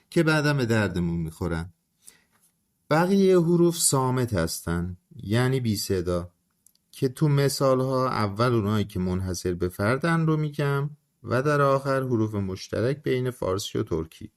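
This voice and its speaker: A man giving a spoken language lesson, slowly drawing out single sounds and words as examples. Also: medium pitch. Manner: slow, drawn-out pronunciation of single sounds and words. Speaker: language teacher.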